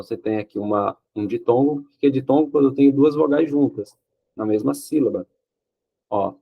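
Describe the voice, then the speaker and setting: A man's voice: medium pitch, gravelly, breathy edge, narrow, tinny audio. A man teaching Portuguese grammar for an exam, explaining step by step, asking questions and answering them himself, often checking with "ok?". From Brazil. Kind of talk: exam-prep grammar lesson.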